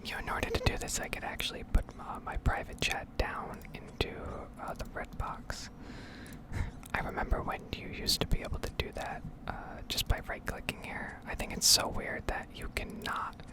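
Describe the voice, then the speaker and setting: In the style of ASMR gameplay, a woman murmurs in a breathy, heavy whisper right up against the microphone, wandering casually and hesitantly through her thoughts at normal speed. The recording is low quality.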